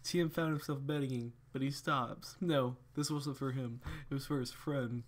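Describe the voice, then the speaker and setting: A man's voice: mid-range voice, fairly even intonation, measured pace. A young man casually reading fan fiction aloud, stumbling over words and correcting himself as he goes. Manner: stumbling, self-correcting, chuckling asides.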